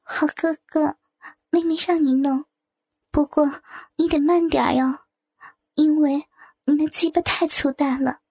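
A woman voicing a coy, giggling young woman in a breathy, playful, whining voice. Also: sits high, dry recording. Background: soft guitar music.

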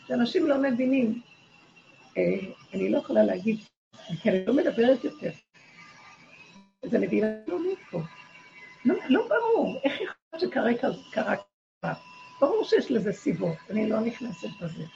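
A woman, a rebbetzin, telling a story in a casual, animated way and acting out the shouted quotes. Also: a little high, gravelly, faint music behind. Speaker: rebbetzin leading a women's gathering. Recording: muffled lo-fi home recording, faint hiss.

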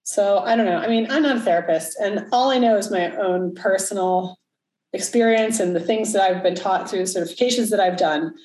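A woman's voice: mid-range voice, brisk, a little mellow, reverberant, low-quality recording. A woman in her early forties, a coach, talking frankly and reflectively in casual chat, cursing now and then. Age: 40s.

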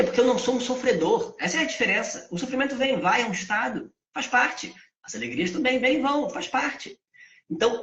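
Animated, fast-talking male teacher. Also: very high voice. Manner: asks and answers his own questions. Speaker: Vedanta teacher. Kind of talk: lively teaching talk. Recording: echoey, dull lo-fi sound.

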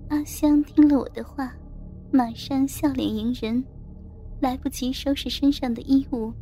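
A woman's voice: high-pitched, steady tone, a little slow, dark tone, slight background noise. A woman narrating a first-person adult audio story in an intimate manner, speaking directly to the listener.

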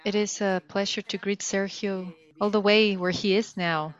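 A woman working as a live interpreter, speaking in the first person for a guest in a steady way with small restarts. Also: mid-range voice, normal speed, muffled recording.

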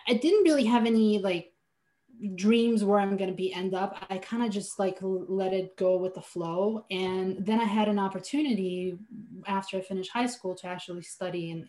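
This earnest woman from Slovenia, a native Slovenian speaker, has a warm, mid-range voice. Appearing as a podcast guest who owns a finance business, she answers interview questions thoughtfully, frequently backing up to restart.

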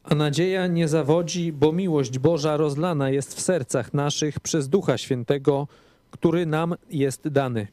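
A man reads scripture in a measured, phrase-by-phrase manner. His voice sits somewhat high for a man, recorded close and dry with no room sound. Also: a little mellow, no room sound. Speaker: scripture reader. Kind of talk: scripted Bible reading.

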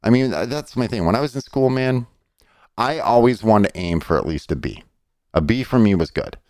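A man's voice: low voice, darkish tone, dry recording, clean studio sound. A middle-aged man arguing his opinions in a casual debate, blunt, insistent and given to swearing.

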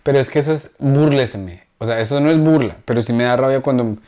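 A man's voice: medium pitch, fast, warm tone. A young man, co-hosting a comedy podcast in casual chat, joking and swearing freely.

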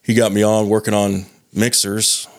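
A man in his thirties talking casually as a podcast guest, relaxed and swearing freely. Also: on the low side, moderate pace, no echo, studio quality. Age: 30s. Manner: laid-back, swears casually.

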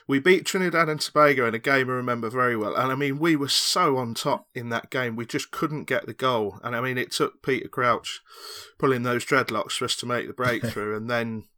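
A man's voice: medium pitch, fairly quick, hardly any pauses, sharp tone. A man on a podcast panel, giving rambling, enthusiastic football analysis. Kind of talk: casual chat.

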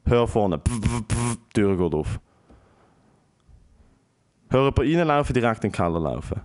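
A young man with a Swiss German accent, animated and swearing often, telling a story in a casual chat with English slang mixed in. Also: on the low side, moderate pace.

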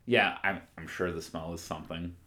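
A man's voice: deep voice, steady tone, brisk, pushed and bright. A man co-hosting a casual chat, easygoing and swearing, often repeating words. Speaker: podcast co-host. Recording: roomy echo.

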